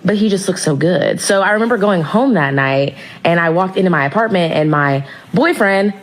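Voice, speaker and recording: Chatty woman, a bit low-pitched, telling a story and acting out the quotes. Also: expressive, normal speed. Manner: chatty, acts out quotes in livelier voices. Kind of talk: storytelling monologue to camera.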